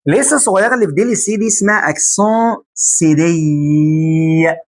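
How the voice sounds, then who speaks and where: A man with an Egyptian Arabic accent teaching a French lesson in a lively, joking way, repeating words slowly to drill them. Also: on the high side.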